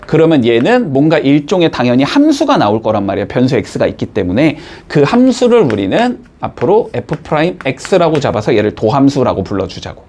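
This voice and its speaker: A man explains math to his students as a teacher, moving through each step and pausing often with a quick question to check they follow. His voice swings up and down with lively energy. His pitch sits in an ordinary middle range. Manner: lively, coaxing, checks in constantly with short questions. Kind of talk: classroom math lecture.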